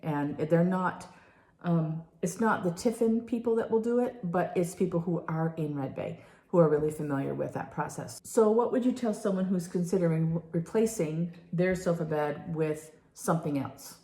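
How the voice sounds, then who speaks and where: Older woman, lowish pitch, warm mellow tone, chatty vlog host, emphatic, echoey room. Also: normal speed. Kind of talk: casual conversational review. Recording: roomy, echoey indoor sound.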